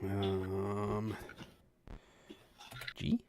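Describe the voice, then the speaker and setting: A man's voice: on the low side, extremely slow, slight background noise. A man hosting a retro computer stream, chatting casually and reacting while he plays a game. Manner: lively, chatty, exclaims while playing. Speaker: stream host.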